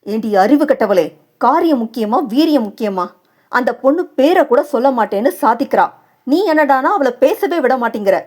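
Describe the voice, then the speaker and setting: A woman's voice: sits high, expressive, moderate pace, a little mellow. A stern young husband, firm but caring, who scolds and warns, as a woman narrator acts him out in an audio novel. The voice stays the reader's own, lifted a little in the heated lines. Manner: firm, reproachful, warning.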